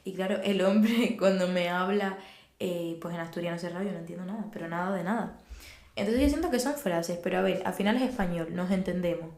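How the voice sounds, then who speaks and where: A woman's voice: on the low side, brisk. Young woman with Cuban accent, roomy sound. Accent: Cuban Spanish. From Cuba. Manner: animated storyteller, acts out quoted dialogue. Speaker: podcast guest. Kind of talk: casual chat. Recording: roomy echo.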